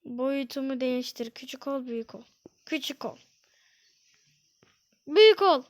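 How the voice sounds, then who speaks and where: Excitable high-voiced woman playing a game. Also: a little slow. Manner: excitable, repeats words, whines when losing. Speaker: gaming channel host. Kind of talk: casual let's-play commentary.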